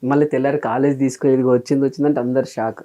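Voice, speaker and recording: Very fast and mid-range, the voice belongs to a Telangana comedian and mimicry artist being interviewed informally. As he tells his story, he animatedly performs his earlier comments as quoted asides.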